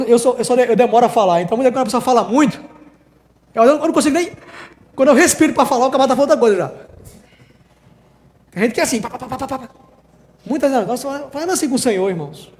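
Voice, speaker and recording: Brazilian male preacher, informal sermon, very high and animated, long church-hall reverb. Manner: informal, keeps addressing the congregation as brothers. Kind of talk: conversational sermon.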